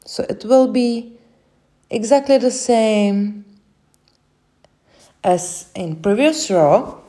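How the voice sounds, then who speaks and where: A young Czech woman with a Czech accent, giving slow step-by-step crochet instructions with frequent hesitations. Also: fairly high pitch, dark tone. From Czech Republic. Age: young adult. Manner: slow, careful, with many hesitations. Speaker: crochet tutorial host.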